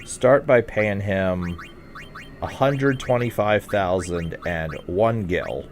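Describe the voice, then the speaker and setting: A man's voice: lowish voice, slow, faint music behind. A man narrating a video game walkthrough as a guide, talking in a casual, conversational way.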